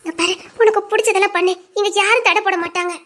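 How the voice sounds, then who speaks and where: A woman's voice: extremely high pitch, fairly even intonation, quick pace, fairly bright tone. A woman playing a caring young friend who coaxes and reassures in an audio drama. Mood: coaxing. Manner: coaxing, reassuring. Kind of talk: Tamil audio drama acting.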